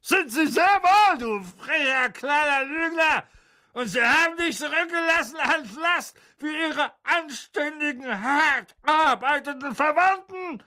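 A narrator putting on a shrill, drunk, spiteful aunt. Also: very animated, slow pace, pushed and bright, full character voice. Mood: furious. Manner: shrill, slurring, mocking. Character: drunk, spiteful, loud middle-aged aunt.

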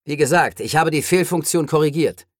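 A narrator voicing a huge, calm alien who reports matter-of-factly, in an audiobook reading. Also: medium pitch, fairly quick, dry recording, clean studio sound, lightly acted.

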